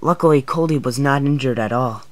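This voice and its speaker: A man's voice: mid-range voice, brisk, a little hiss or hum. A young man narrating a homemade toy-train story in a plain, casual way.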